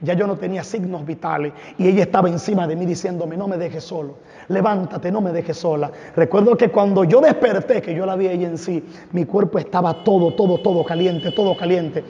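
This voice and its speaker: A man's voice: sits high, a little fast, hardly any pauses, dark tone. A man giving a fervent, dramatic testimony from a church stage. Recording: echoey hall, dull lo-fi sound.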